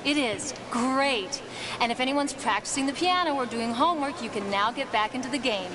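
An actress playing a sweet mom phoning in during a board game video. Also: female voice, on the high side, moderate pace, natural voice. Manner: sweet, soothing. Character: sweet mom calling from a supermarket.

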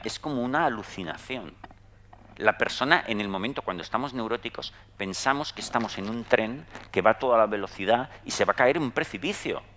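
A middle-aged man from Spain with a Spanish accent, giving a talk to an audience in a chatty, storytelling way, often tagging his sentences with quick questions. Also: fairly low pitch, a little hiss or hum. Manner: conversational, tag questions, lively storytelling. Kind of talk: anecdotal talk to a live audience.

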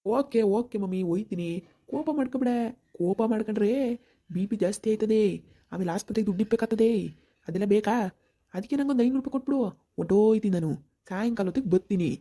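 A woman's voice: mid-range voice, quick pace, long pauses, warm tone, lightly acted. A woman playing a cocky young village son who boasts and begs his mother for money in a comedy skit. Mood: swaggering. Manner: swaggering, boastful, wheedling for money.

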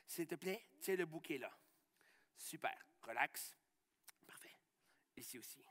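A man with a Québécois French accent performs a magic trick for schoolchildren and explains it, coaching them step by step in an upbeat, animated way and repeatedly checking that everyone can see. His slightly high voice is bright and forceful at a measured pace, and a long reverb from a large hall colors the sound.

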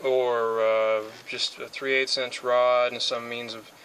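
A DIY hobbyist in his twenties gives a casual how-to explanation outdoors, first by a car and then under a metal-roofed shed. Sick and a bit spacey, he rambles slowly in a flat, clean, medium-pitched voice full of fillers and restarts, on a low-quality recording.

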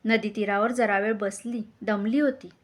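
A woman storyteller narrating a devotional folk tale in an expressive, measured way. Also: mid-range voice.

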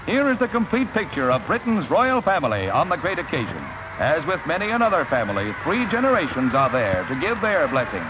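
A man narrating an old newsreel in a brisk, upbeat announcer style. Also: a little high, big pitch swings, heavy background noise. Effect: old newsreel sound. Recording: dull lo-fi 1940s newsreel with music.

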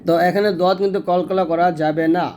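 A man teaching correct Quran recitation, spelling out each letter and vowel and then reciting the verses slowly and melodiously. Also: high voice, steady tone, a little mellow, a little hiss or hum. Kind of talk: step-by-step recitation lesson.

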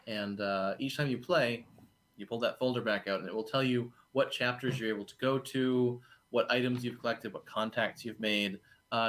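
A man's voice: mid-range voice, a bit bright. A man casually explaining how a board game works, with a hesitant, filler-laden way of talking.

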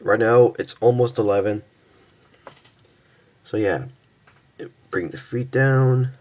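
Slow-talking young man reviewing a toy. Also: mid-range voice, darkish tone. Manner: halting, stumbles and restarts often. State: tired, just woke up. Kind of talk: casual toy review with hands-on demo.

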